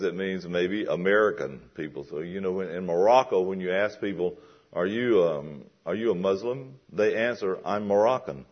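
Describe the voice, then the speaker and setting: Low, husky male preacher, lo-fi sound. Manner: conversational, rising to emphatic questions. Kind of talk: sermon.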